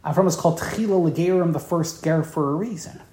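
Emphatic low-voiced woman teaching Torah. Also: fairly quick, dark tone. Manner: emphatic, impassioned, repeats key words. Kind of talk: evening Torah lecture. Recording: roomy, echoey room.

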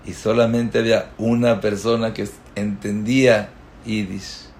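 Gravelly man preaching. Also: lowish voice, flat delivery, measured pace, a little hiss or hum. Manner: storytelling, swings from loud exclamations to hushed asides. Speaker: rabbi giving a Torah talk. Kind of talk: religious lecture.

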